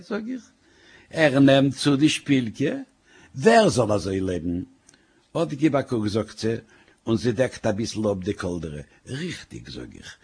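A man's voice: on the low side, a little mellow, husky. A man telling a comic story, full of wry "sag ich" asides.

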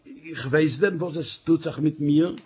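A husky-voiced man voicing a fussy older neighbor woman who chatters quickly and stumbles over her words. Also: fairly high pitch, a little mellow, pitched above the performer's own voice. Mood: flustered. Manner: flustered, fast, stumbling chatter.

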